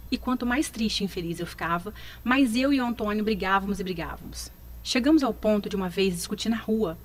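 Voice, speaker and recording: A woman in her thirties reading a scripted first-person story in a slow, sorrowful, confessional way. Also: mid-range voice. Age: 30s.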